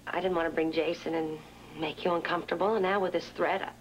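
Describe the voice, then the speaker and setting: A woman voicing a soft-spoken schemer who stammers and coaxes, acting modest and worried. Her scenes play in 1980s daytime soap style, with a faint hiss behind her. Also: lowish voice, fairly even intonation, fast talker, lightly acted, rough recording. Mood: coaxing. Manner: hesitant, coaxing, falsely modest. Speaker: nanny in a soap opera.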